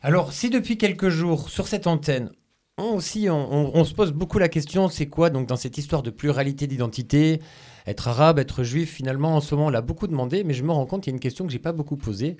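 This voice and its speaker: A male radio host asking questions in a measured way, with some stammering restarts. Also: a little high, darkish tone. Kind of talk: radio interview.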